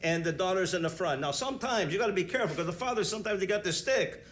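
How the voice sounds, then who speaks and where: An actor playing a chatty Italian bandleader who rambles with many fillers and halting restarts, in an Italian accent. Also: male voice, high-pitched, expressive, fairly bright tone. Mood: rambling. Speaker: band leader.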